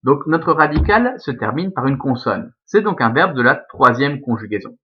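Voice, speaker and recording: A man's voice: mid-range voice, big pitch swings, normal speed, muffled recording. A man teaching a Latin grammar lesson, explaining patiently step by step and checking in with his students.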